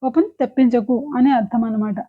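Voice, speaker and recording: Brief: female English teacher, high voice, slow deliberate examples, tinny phone-like audio. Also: husky. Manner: slow, deliberate example sentences between quick explanations. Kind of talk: language lesson.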